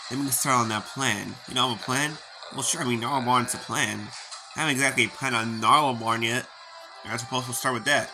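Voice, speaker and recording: A man's voice: medium pitch, steady tone, fairly quick, low-quality recording. Man, playful game-dialogue reader, ad-libs jokes, game music running underneath. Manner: playful, reads lines in character and jokes about them. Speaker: gaming YouTuber. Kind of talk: reading game dialogue aloud with commentary.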